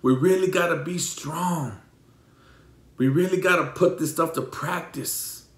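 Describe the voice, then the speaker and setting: A pastor preaches a sermon in a fairly high-pitched, slightly slow voice that sounds reverberant. He is emotional and repetitive, restarting often and swinging between loud preaching and hushed pleading.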